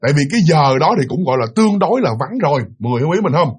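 Husky, fast-talking Southern storyteller man. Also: fairly high pitch, big pitch swings. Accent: Southern Vietnamese. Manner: chatty, addresses listeners directly. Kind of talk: ghost story narration.

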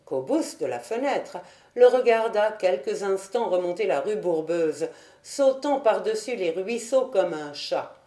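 A woman reading a classic novel aloud in measured, steady audiobook narration. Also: mid-range voice. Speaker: audiobook reader. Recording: echoey room.

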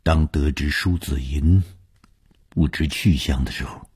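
A man narrating a suspense story for radio, reading dramatically and dropping to a hush in tense passages. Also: a bass voice, measured pace, slightly rough.

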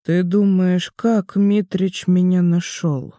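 A man's voice: high-pitched, level tone, slow pace, warm tone, no echo, studio quality. A man voicing a slippery, nervous young male sorcerer who talks in a whiny, theatrical way, in an audiobook. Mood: gloomy despairing. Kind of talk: audiobook character voice.

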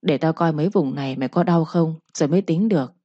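A woman's voice: low-pitched, fast, breathy edge, dry recording. A woman voicing a stern young male master who gives blunt, scolding orders. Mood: brusque. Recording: slightly muffled recording.

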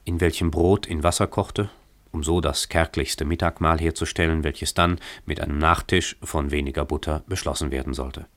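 A man narrating a classic story for radio in a measured, even storytelling manner. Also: rumbling low, dry recording.

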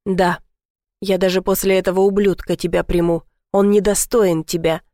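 A woman's voice: lowish voice, little pitch movement, dark tone, dry recording, clean studio sound, natural voice. A woman reading as an obsessive male kidnapper. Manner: fervent and possessive, slow in outbursts.

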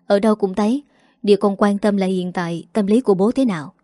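A woman voicing a young office worker, a worried daughter who pleads gently, in a mellow dry voice. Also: medium pitch, quick pace, no room sound, lightly acted. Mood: pleading.

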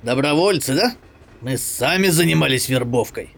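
A man's voice: mid-range voice, expressive, normal speed, vocal fry, fairly bright tone. A man voicing a chatty, eager young woman soldier in an audiobook.

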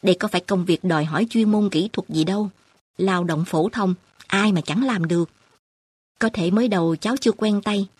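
A woman voicing a kindly, practical middle-aged woman street sweeper with a husky voice. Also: mid-range voice, brisk, darkish tone, dry recording, lightly acted. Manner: homely, practical reassurance.

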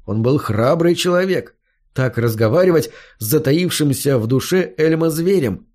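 A man's voice: a little high, animated, moderate pace, a little mellow. A man reading a first-person fantasy story aloud, narrating expressively. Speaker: audiobook narrator.

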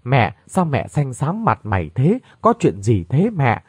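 A man's voice: wildly swooping pitch, measured pace, husky, no echo, exaggerated voice. A man voicing an anguished young woman in a read-aloud story, crying out in shock. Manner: cries out in high, anguished tones.

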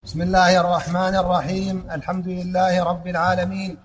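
A man reading a classical text aloud in a lesson, in a flat, even recitation with small stumbles and restarts. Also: high-pitched, a little fast, breathy edge.

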